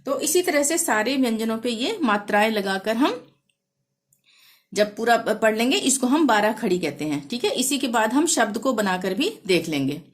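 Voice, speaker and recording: A woman's voice: on the high side, big pitch swings, normal speed. A woman teaching Hindi letters, explaining patiently and spelling syllables out one by one, often checking in with her learners. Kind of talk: slow, patient classroom explanation.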